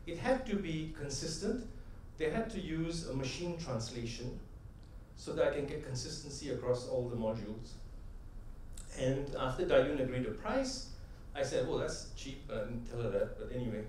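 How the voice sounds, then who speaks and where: In a large convention hall, a middle-aged man delivers a chatty conference talk packed with anecdotes, often adding "right?" and landing rhythmic, emphatic punchlines. His mid-range voice is a little mellow and moves at normal speed. The distant mic gives an echoey sound with slight background noise.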